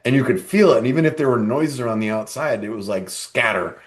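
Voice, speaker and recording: A man's voice: medium pitch, expressive, fast. A man co-hosting a podcast, explaining ideas in a casual way and telling workplace stories, with many asides and "right?"s. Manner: storytelling, lots of "right?" and "kinda", acts out coworkers. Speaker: podcast co-host.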